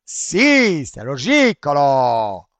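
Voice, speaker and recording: A man hosting comedic reaction commentary, mocking and excitable, swearing freely. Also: a little high, extremely slow, dry recording. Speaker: host reacting to a video.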